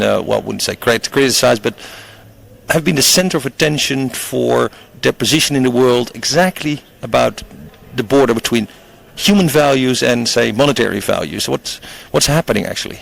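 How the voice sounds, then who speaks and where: A man's voice: medium pitch, fairly quick, vocal fry. A man with a Dutch accent interviewing a guest, asking long, searching questions with hesitant fillers and restarts. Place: conference venue.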